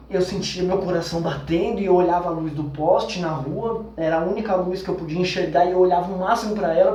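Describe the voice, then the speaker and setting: A young man with a Brazilian Portuguese accent tells an intense personal story, rushing in agitated bursts and then slowing to hushed, trailing phrases full of fillers. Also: high-pitched, dull audio. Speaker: vlogger telling a personal experience. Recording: roomy, mic at a distance.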